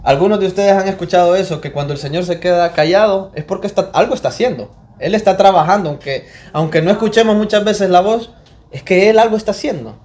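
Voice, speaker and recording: A Honduran man teaching a church Bible class, telling a personal testimony with lively storytelling and acted-out quotes. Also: high voice, fast. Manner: animated storytelling, acting out quoted voices.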